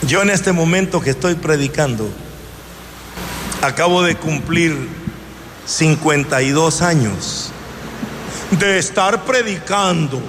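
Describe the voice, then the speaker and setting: A man in his seventies preaching a sermon in a slow, emphatic way, with rising exclamations. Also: on the high side. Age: 70s. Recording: hall reverb with faint noise.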